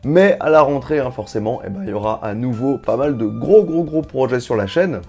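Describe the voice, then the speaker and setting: A man's voice: mid-range voice, expressive, a little fast, a little mellow, husky, faint music behind. Grainy-voiced man, casual unboxing vlogger. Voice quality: grainy morning voice. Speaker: YouTube host. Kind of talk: casual unboxing vlog talk.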